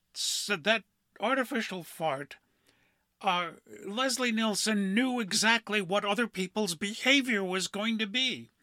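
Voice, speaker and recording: A middle-aged man hosting a podcast, telling a story in a measured way with frequent pauses and "uh" fillers. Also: high voice, pushed and bright, no echo. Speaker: podcast host. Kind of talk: storytelling monologue.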